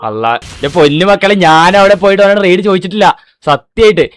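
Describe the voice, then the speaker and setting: A man's voice: high-pitched, lively intonation, quick pace, smooth, no room sound. A man, talking to his live-stream chat in a pleading, insistent way and swearing oaths that he is telling the truth. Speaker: livestreamer.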